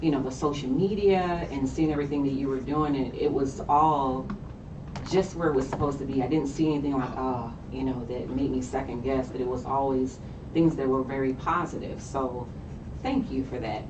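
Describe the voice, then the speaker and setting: A woman's voice: a bass voice, steady tone, normal speed. A woman hosting a casual radio interview, chatty with lots of fillers and rising questions. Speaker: radio host. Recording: distant, echoey, dull, noisy.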